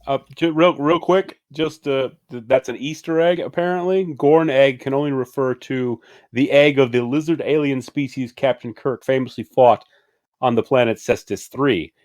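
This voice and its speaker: A man co-hosting a casual podcast, speaking haltingly with many restarts. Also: medium pitch, darkish tone, no echo, studio quality. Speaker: podcast co-host. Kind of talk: casual chat.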